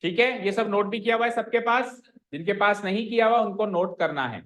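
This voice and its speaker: A man's voice: sits high, a little fast, fairly bright tone. Male teacher, classroom lesson, quizzes students, drills repetition, mixes in English terms. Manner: quizzes students, makes them repeat answers. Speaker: math teacher.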